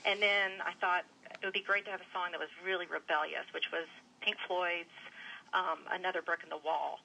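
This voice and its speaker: A woman's voice: lowish voice, fairly even intonation, a little fast, creaky, pushed and bright, slight background noise. A woman from Kentucky chatting with wry, folksy humor as a radio interview guest over a phone line. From United States, Kentucky.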